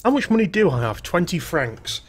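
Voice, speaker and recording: A man's voice: on the high side, sing-song, a little fast, breathy edge. A man streaming a game, reading the on-screen text aloud and adding wry, jokey asides in a casual let's-play style.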